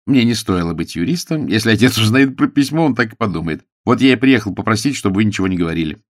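A man's voice: on the low side, expressive, no echo. A man voicing a flustered, eager young lawyer who rambles apologetically, in a dry-sounding audiobook. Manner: rushed, apologetic, chatty.

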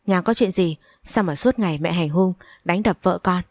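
A woman's voice: fairly low pitch, moderate pace, no room sound, clean studio sound. A woman voicing a young husband who scolds his mother in a raised, reproachful voice.

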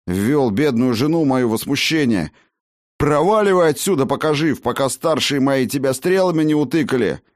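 A man voicing an angry, stern middle-aged craftsman who shouts commands in an audiobook. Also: mid-range voice, animated, moderate pace, dry recording, studio quality, pitched above the performer's own voice, lightly acted. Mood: furious.

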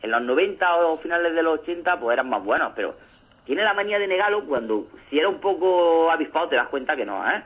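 Guy chatting on radio, husky voice, tinny lo-fi line, acts out bits of comics. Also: on the high side, fast talker. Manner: animated storyteller, acts out comic scenes. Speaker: radio show co-host. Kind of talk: casual radio chat about comics. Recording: lo-fi phone-like radio sound.

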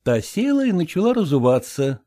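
A man narrating a classic story in a low, even storytelling voice. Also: brisk, no echo, studio quality. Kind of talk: audiobook narration.

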